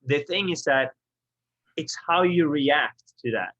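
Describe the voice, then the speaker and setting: A man interviewing a guest, talking in a quick, chatty way and saying "like" often. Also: a little high, lively intonation, a bit bright, low-quality recording. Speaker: interviewer and golfer. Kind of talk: casual conversation. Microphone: video call.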